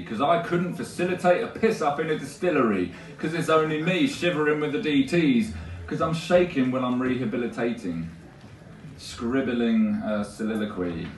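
A man in his thirties performs spoken word poetry at a stand mic. His rhymes roll in a rhythmic, tongue-twisting flow at a middling pitch. The sound comes from far off in an echoey space. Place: small stage with colored lights. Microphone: stand mic, filmed by a far camera.

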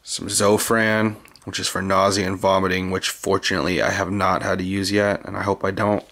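A man's voice: low-pitched, little pitch movement, a little fast, a bit bright. A man in his twenties keeping a casual video diary, talking with a swollen mouth after wisdom teeth removal. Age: 20s. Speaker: vlogger. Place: parked car and rooms at home. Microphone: handheld camera at arm's length. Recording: noticeable background noise, handheld camera.

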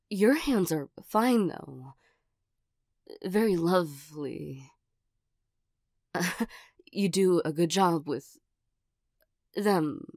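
A flustered cat girl, acted by a woman in a soft-spoken ASMR role-play. Her voice sits fairly low and she goes slowly, shy and hesitant, tripping over her words. The recording is dry and close. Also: no echo, full character voice. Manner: hesitant, stammering, giggly. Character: flustered, shy, nervous female cat creature with claws.

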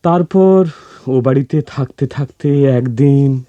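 A man's voice: mid-range voice, takes it slowly, dark tone, slight background noise. An actor playing a humble, stammering old male caretaker in an old radio drama with a dull lo-fi sound. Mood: storytelling. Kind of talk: 1970s-style radio drama acting.

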